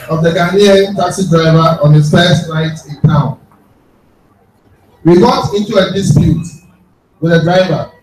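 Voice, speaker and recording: A man reading a short excerpt aloud at a live book reading, then introducing the writer, in a measured, deliberate way. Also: high-pitched. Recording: echoey room, distant mic, faint noise.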